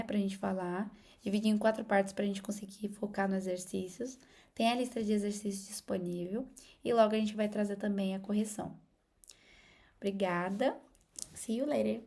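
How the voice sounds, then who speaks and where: A young woman with a Brazilian Portuguese accent, a native Portuguese speaker, giving a casual English lesson and pausing often to correct herself. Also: medium pitch, steady tone, mellow. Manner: hesitant, many fillers and restarts. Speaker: English teacher.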